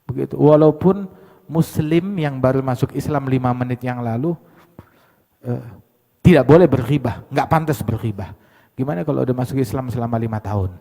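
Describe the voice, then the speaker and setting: A male preacher giving a lively sermon, acting out mocking voices and sometimes shouting. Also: medium pitch, moderate pace, creaky, big-room sound. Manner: animated, acts out mocking voices, shouts at times.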